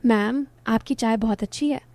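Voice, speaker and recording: A woman's voice: on the high side, normal speed, darkish tone, no echo, lightly acted. An earnest young male student, voiced by a woman storyteller. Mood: earnest, tender. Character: young adult man, an infatuated, earnest student.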